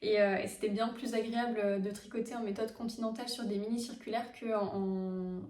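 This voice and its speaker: A woman's voice: mid-range voice, steady tone, brisk, darkish tone, recorded from a distance. Hesitant woman, echoey room. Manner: hesitant, many filler sounds and restarts. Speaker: knitting podcast host. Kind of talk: casual show-and-tell vlog. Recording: echoey room, mic set back.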